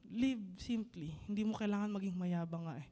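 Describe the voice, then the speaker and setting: A woman's voice: mid-range voice, moderate pace, dark tone. A woman preaches to a congregation, leaning hard on short key phrases. Her voice carries a long reverb, as in a large hall. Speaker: church speaker introducing testimony. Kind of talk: preaching exhortation.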